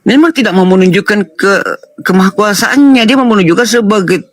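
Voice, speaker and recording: Slightly high man, halting explanations. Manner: hesitant, halting explanations, addresses her respectfully. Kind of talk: heated debate.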